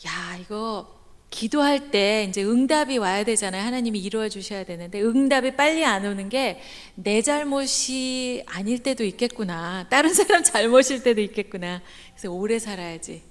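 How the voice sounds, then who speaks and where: A middle-aged woman giving a lively storytelling sermon at a church meeting, acting out the voices of the people in her stories. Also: a little high, moderate pace. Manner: animated, acts out quoted voices, laughs at own jokes. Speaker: guest speaker at a church revival meeting. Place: church sanctuary. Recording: reverberant church hall.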